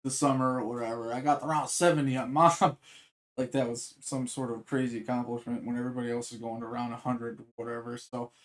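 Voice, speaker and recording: A man's voice: medium pitch, level tone, brisk. A man rambling casually as he sets up a reaction to a video, with many fillers and restarts. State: hiccups. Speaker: reaction streamer.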